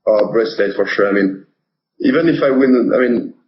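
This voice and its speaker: A young man from France with a French accent, speaking in a halting way with many fillers as a guest in a casual interview. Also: lowish voice, muffled recording, slight background noise. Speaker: poker pro guest.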